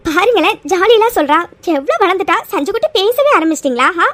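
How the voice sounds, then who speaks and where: A woman's voice: very high voice, big pitch swings, fast, heavy background noise, pitched above the performer's own voice. A woman voicing a bubbly, playful young daughter returning home in a cartoon.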